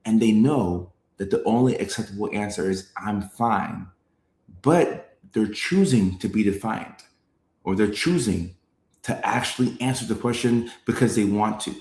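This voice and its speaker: This show host, who grew up in Norway, reads chat comments and explains things casually in a fairly low, unhurried voice that reverberates around the room. He stays animated, performs quoted voices, repeats phrases and keeps asking "right?" to check in with listeners.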